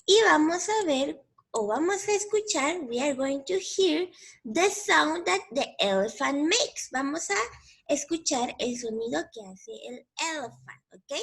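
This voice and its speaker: A woman's voice: high-pitched, lively intonation, a little slow. A woman teacher with a Mexican Spanish accent, giving a patient bilingual English lesson to young children and repeating each word in both languages.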